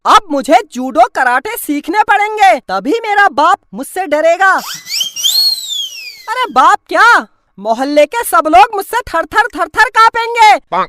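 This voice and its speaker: A woman voicing a naughty, lazy young boy in a comic cartoon who is whiny and boastful and wails loudly. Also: extremely high pitch, noisy background, exaggerated voice. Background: background music.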